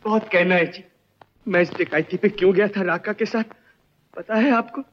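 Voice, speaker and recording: An actor playing a desperate young village informant who pleads, swears oaths and speaks emotionally, in an old film melodrama. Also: male voice, high-pitched, moderate pace, slight background noise, lightly acted. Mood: accusing. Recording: dull old film soundtrack.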